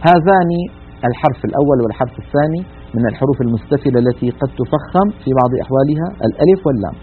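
A man teaching the rules of Quran recitation in a broadcast lesson, patient and methodical, slowly drawing out each example word. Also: mid-range voice, animated, a little hiss or hum. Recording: tinny, narrow-band radio broadcast.

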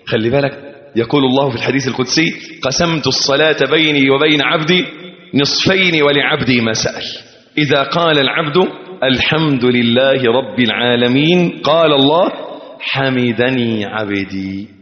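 A man's voice: medium pitch, brisk. A man preaching a sermon with an Egyptian accent, impassioned and chanting verses. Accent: Egyptian Arabic. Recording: echoey hall, dull lo-fi sound.

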